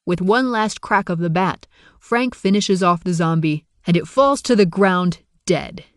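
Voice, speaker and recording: A man's voice: high voice, measured pace, clean tone, no echo, clean studio sound. A man reading a first-person audiobook with wry, casual humor. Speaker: audiobook narrator.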